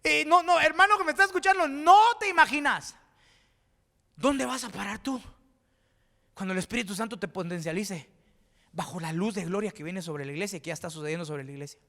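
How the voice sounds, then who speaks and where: Male pastor from Guatemala, fervent sermon delivery, bright forceful voice, long hall reverb. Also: high voice, fairly quick, creaky. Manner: fervent, repeats words and restarts, rising to exclaim.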